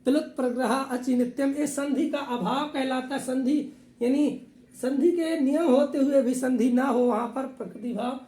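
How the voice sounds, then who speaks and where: High-voiced woman explaining grammar rules. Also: measured pace, warm tone, reverberant. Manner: patient, repeats rules and asks them back as questions. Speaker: Sanskrit teacher. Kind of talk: classroom explanation.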